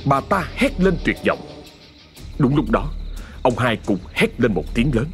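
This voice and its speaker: A man narrating a horror story in a dramatic, expressive scripted reading. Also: medium pitch, a little slow, soft background music.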